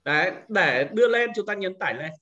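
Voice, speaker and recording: A man leads a screen-recorded software tutorial for fellow teachers, taking each step patiently in order. His voice sits high and sounds bright and forward. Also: expressive, brisk, highs cut off. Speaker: teacher trainer.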